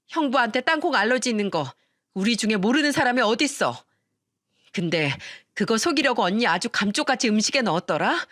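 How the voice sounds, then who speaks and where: A woman's voice: fairly high pitch, a bit bright, dry recording, clean studio sound. A woman voicing an angry, loyal young woman who scolds her older sister sharply and hurls accusations.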